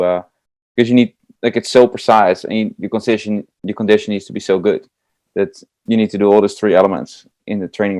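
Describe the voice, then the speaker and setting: The guest here is a young Dutch juggler who does comedy, speaking with a Dutch accent. His voice is on the low side and a little mellow, with no echo, and he answers the interviewer in an eager, chatty manner full of fillers.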